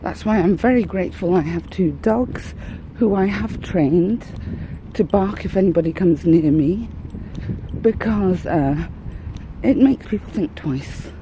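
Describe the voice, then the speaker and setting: Woman, out of breath, very mellow dark tone, rambling wry chat, walking outdoors, faint ambience behind. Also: on the low side, unhurried, slight background noise, rough recording. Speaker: vlogger. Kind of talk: casual walking monologue.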